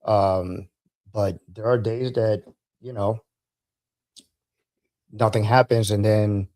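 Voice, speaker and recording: A man, an Army veteran guest, talking casually in an interview, halting and repeating words, laughing as he tells stories. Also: on the low side, fairly even intonation, dark tone.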